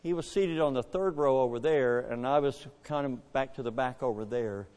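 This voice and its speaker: An older man, a pastor, preaching a story-driven sermon, shifting from hushed asides to booming bursts. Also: moderate pace, big-room sound. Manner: animated, swings from hushed to booming. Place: church.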